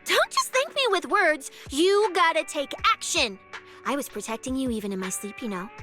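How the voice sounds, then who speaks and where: A woman voices a playful, bossy, easily flustered young police specialist in an anime-style video game, sounding excited and boastful. Her high voice carries an expressive, teasing, mock-official delivery at a moderate pace, with soft music in the background.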